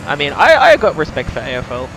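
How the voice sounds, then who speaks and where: An Australian man from New South Wales live-streams a game, chatting casually and blokily with mild swearing and slang. His voice is a little high, the pitch swooping wildly, and he talks fast. Loud racing game music and car engine noise sit behind him.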